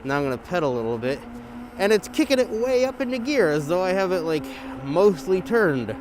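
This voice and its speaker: Muffled higher-voiced man, noisy outdoor ride. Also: sing-song, a little fast. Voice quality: muffled, speaking through a balaclava. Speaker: bike vlogger. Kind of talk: casual vlog chat while riding. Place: outdoors, riding an electric bike on a trail. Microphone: gimbal camera or lapel mic with windscreen. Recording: outdoor wind, motor and traffic noise.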